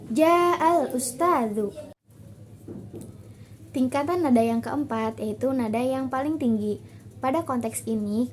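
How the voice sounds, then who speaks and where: Young woman, student from Indonesia, class presentation, fairly high voice, steady reading, slow Arabic examples. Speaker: university student.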